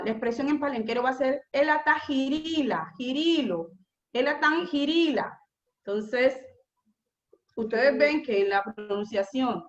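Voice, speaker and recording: A woman lectures a class in a high, bright-pitched voice. She explains patiently, slows down to repeat key terms and checks in with rhetorical questions. The room rings with echo, and the recording sounds a little dull and lo-fi. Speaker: teacher.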